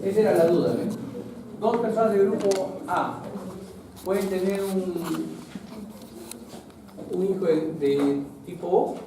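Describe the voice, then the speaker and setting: A man's voice: high voice, a little slow, long pauses. A man teaching a biology lesson to a class, explaining step by step and often checking whether students follow. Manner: explanatory, keeps checking in with "¿no es cierto?". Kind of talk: classroom lecture. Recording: very echoey noisy classroom, far mic.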